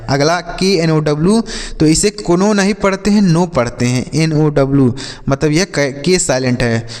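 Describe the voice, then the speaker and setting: Male teacher, a little high-voiced, asks questions and answers them himself, reverberant room. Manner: spells words letter by letter and answers his own questions; addresses viewers as friends. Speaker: English teacher. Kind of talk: classroom-style lesson.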